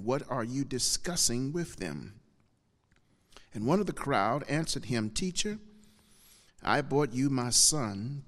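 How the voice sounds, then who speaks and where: A man preaching as pastor into a pulpit microphone, reading scripture in a measured, deliberate way and repeating the references for his congregation. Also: mid-range voice. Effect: speaking into a pulpit microphone. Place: church sanctuary. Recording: long church reverb.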